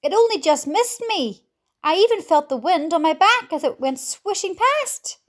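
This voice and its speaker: Fretful earthworm played by a woman, high, whiny, pleading, storybook creature. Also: expressive, normal speed. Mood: wailing. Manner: pleading, wailing.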